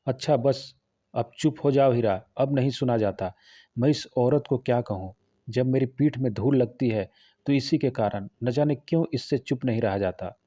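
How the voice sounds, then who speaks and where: A man's voice: mid-range voice, moderate pace, dark tone, close to an everyday voice. A man reading a stern, weary village farmer. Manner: stern, restrained. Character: weary patient village farmer, older brother.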